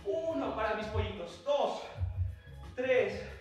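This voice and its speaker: A man with a Mexican accent leading an exercise class, encouraging students and loudly counting out repetitions. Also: sits high, animated, takes it slowly. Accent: Mexican Spanish. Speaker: fitness instructor. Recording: echoey room, voice far from mic, faint music.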